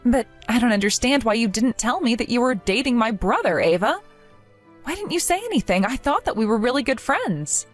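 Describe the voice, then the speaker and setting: Earnest, wounded young woman, voiced by a woman; pleading, animated, fairly high. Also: brisk, faint music behind.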